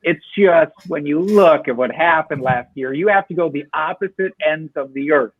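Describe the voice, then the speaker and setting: A man's voice: fairly high pitch, moderate pace, no echo. A man joining a live football chat, making dry, teasing remarks. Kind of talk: casual sports chat. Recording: thin phone-like line, dry.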